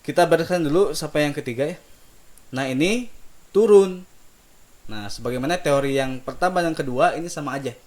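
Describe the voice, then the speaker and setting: A man teaching melodic recitation, calmly explaining each note and singing slow drawn-out demonstrations, gently encouraging students. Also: on the high side. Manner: slow drawn-out sung phrases between unhurried explanations; gentle and encouraging, soft-spoken asides. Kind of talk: relaxed spoken lesson with sung demonstrations.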